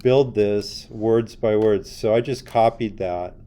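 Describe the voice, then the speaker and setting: Mellow-voiced man teaching design class. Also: on the low side, slow pace. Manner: conversational, asks the class questions. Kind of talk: classroom lecture with screen demo.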